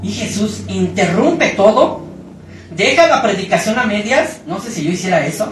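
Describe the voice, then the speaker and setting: Pastor, animated storyteller, mic at a distance in a reverberant church hall with faint hiss. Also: mid-range voice, moderate pace. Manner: storytelling with acted-out quotes and humor. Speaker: preacher. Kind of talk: sermon.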